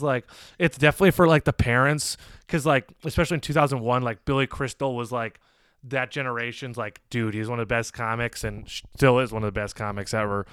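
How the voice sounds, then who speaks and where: Young male podcast co-host, casual reviewer, smooth resonant voice, loose rambling delivery, dry close sound. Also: mid-range voice, no echo. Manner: rambling, filler-heavy, animated when retelling jokes. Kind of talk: casual movie review chat.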